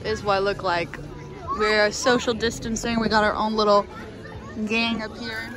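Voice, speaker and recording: A young woman vlogging in casual chat, giggly and excitable as she talks. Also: medium pitch, normal speed, a crowd in the background. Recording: loud background noise.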